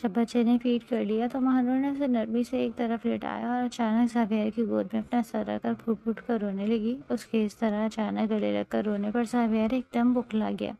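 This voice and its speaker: Brief: woman narrator, gravelly, mellow, slightly high voice. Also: few pauses, low-quality recording. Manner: steady dramatic storytelling. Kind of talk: novel reading.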